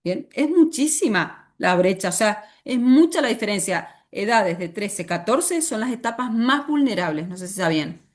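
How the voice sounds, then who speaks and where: A woman's voice: medium pitch, expressive, moderate pace, few pauses. Argentine woman lecturing a class. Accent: Argentine Spanish. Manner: asks the class frequent questions. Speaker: teacher.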